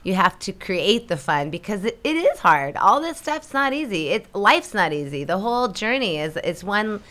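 A woman in casual spiritual chat, animated and laughing easily as she talks. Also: mid-range voice, moderate pace.

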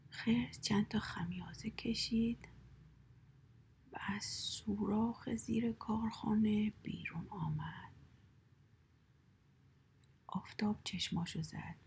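A woman reading a children's story aloud in a soft, hushed whisper. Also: mid-range voice, vocal fry.

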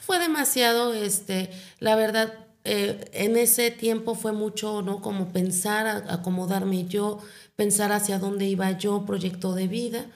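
A middle-aged woman with a Mexican accent tells her own story as a guest in an interview. Her mid-range voice carries a gravelly fry. She tosses a quick tag question onto the end of almost every phrase. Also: mid-range voice, steady tone. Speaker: guest, foundation founder.

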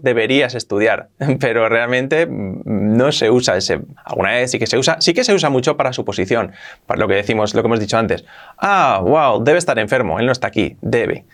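Male English teacher from Spain, Spanish accent, lively explainer who drills by repetition. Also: moderate pace. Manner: lively, repeats words for drilling, pitch jumps up for emphasis. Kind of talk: explaining grammar to camera.

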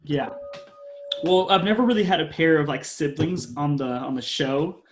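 A man's voice: fairly high pitch, animated, normal speed, a little hiss or hum. A young man hosting a casual podcast, rambling with many fillers and restarts and using slang like "yo" and "y'all". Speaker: podcast host.

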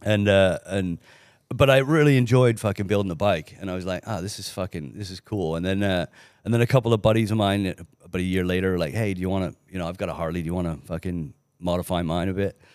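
Low-voiced man swearing through stories. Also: fast, a little mellow, clear, resonant tone, dry recording, studio quality. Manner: profane, laughing, rambling anecdotes. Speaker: podcast host. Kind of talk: casual storytelling chat.

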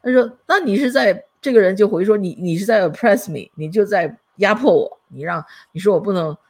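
A woman's voice: medium pitch, fairly quick, breathy edge. A woman hosting a podcast in casual chat, chatty and laughing often. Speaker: podcast host.

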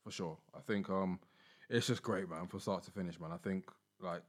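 A man's voice: low-pitched, steady tone, moderate pace. A man giving opinions on music in casual, slangy podcast chat.

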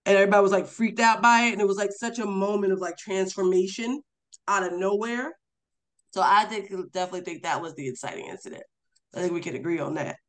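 A podcast co-host talking casually about a film, emphatic and quick to agree. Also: medium pitch. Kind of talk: casual film review chat.

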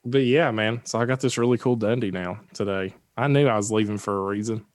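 A man's voice: lowish voice, brisk, no room sound. Rambling joking man, dry sound. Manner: rambling and joking, laughs often. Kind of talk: casual chat.

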